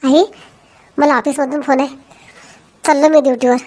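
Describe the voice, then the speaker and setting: A woman's voice: high-pitched, fairly even intonation, normal speed, a little mellow, lightly acted. A woman voicing a worried young married man in a cartoon, speaking earnestly in a Varhadi Marathi accent.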